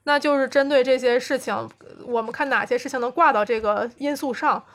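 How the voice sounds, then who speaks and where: Higher-voiced woman podcast guest. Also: a little fast. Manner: explains thoughtfully, summarizing points and reading passages aloud. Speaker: guest, comics company founder. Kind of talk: casual interview chat.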